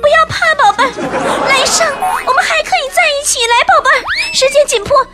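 A woman's voice: extremely high pitch, a little fast, over a noisy crowd, pitched above the performer's own voice. A woman voicing a coy, lovestruck young female steamed bun in a comic story, gushing melodramatically. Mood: passionate, desperate. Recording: music and audience noise behind.

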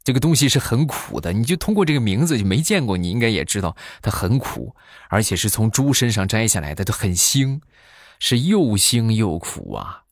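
A man in his thirties telling comic stories in a chatty way, filling pauses with drawn-out fillers. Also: on the low side, sing-song, no echo, clean studio sound. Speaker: comedy vlogger. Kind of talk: comic storytelling monologue.

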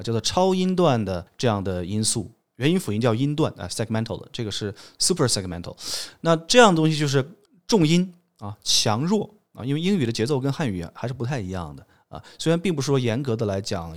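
A man who teaches English pronunciation, a guest on an interview podcast, explaining his courses patiently and methodically. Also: on the low side.

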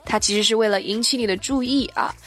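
A woman teaching an online English lesson in a lively, chatty way, explaining in Chinese and reading English example sentences slowly and repeating them. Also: a little high, soft background music.

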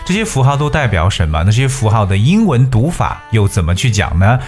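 Male host teaching English to Chinese listeners, deepish voice, spells words out letter by letter, faint music underneath. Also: very animated, brisk, darkish tone.

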